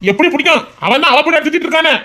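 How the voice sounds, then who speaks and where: An actor playing a stern middle-aged father who scolds his son about marriage in a fast, insistent voice. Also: extremely high pitch, lively intonation, bright, forceful tone, full character voice. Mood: scolding. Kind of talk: amateur audio drama.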